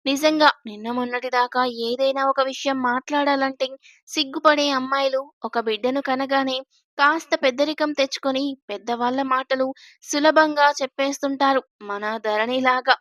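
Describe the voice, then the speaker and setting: A bright, high-voiced woman storyteller. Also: moderate pace, dry recording, clean studio sound. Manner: lively reading aloud, voicing every character herself. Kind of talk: serial story narration.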